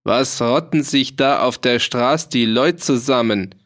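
A man voicing an arrogant, rough-spoken steward on horseback. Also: medium pitch, unhurried, fairly bright tone, natural voice. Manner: arrogant, rude.

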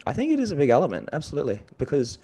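A man's voice: mid-range voice, wildly swooping pitch, racing, warm tone, husky. A young man from New Zealand speaking earnestly and informally as an interview guest, reflecting on himself in an introspective way. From New Zealand, moved to Australia at five. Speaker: podcast guest, customer experience designer.

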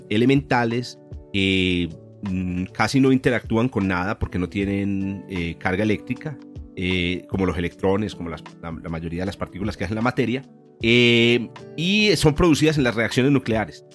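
A man's voice: lowish voice, moderate pace, faint music behind. A man hosting a podcast in a casual, educational style, like a professor chatting. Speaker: podcast host, physics professor. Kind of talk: casual, educational science chat.

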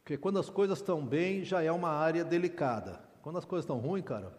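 A man's voice: fairly high pitch, animated, quick pace, a little mellow. A middle-aged man, preaching informally to a men's meeting with candid humorous asides. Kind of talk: conversational sermon. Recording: long reverb in a large hall.

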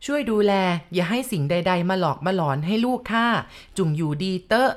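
A woman voicing a stern, guarded rural father, speaking slowly and solemnly in a spoken ghost story. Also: fairly low pitch, animated.

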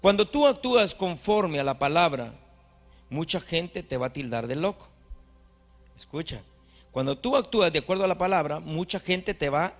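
A man preaching a sermon as a pastor, moving from quiet storytelling to animated shouting with his congregation. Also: fairly high pitch.

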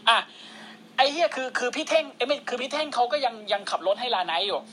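A man's voice: very high-pitched, fast talker, a little hiss or hum. A man co-hosting a wrestling podcast, telling stories crudely with plenty of swearing. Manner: crude, swearing, animated storyteller. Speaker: podcast co-host. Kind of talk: casual wrestling chat.

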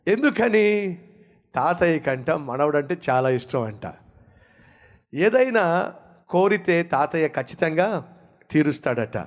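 A male pastor delivers a sermon and leads a prayer in a fairly high voice. He presses his points with rhetorical questions and repeated phrases. His phrases swell upward and then sink low and soft. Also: very animated, takes it slowly, pauses often. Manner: rhetorical questions, emphatic repetition, rising and falling delivery.

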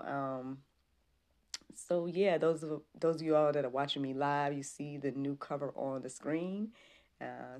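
This podcast host has a deep voice with a darkish tone. She runs a casual faith-based livestream, chatting in an informal, devout way and often breaking in with praise and interjections.

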